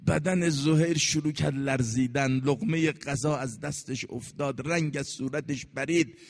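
A man giving an impassioned religious sermon, telling a story and chanting verse slowly, moving between hushed and loud passages. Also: a little high, steady tone. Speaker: preacher. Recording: long reverb in a large hall.

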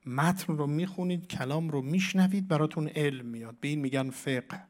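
A man giving a religious lecture on scripture as a Quran teacher. He explains step by step, repeats key words for emphasis and asks his listeners questions. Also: fairly high pitch.

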